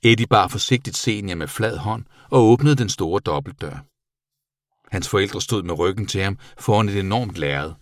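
A man reading a children's storybook aloud with an expressive delivery. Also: low-pitched, dry recording, clean studio sound. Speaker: narrator.

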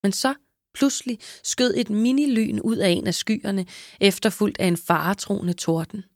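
A woman reading a children's story aloud with lively, expressive storytelling. Her voice sits at a middle pitch. The recording is dry and close. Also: no echo. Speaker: audiobook narrator. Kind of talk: scripted narration.

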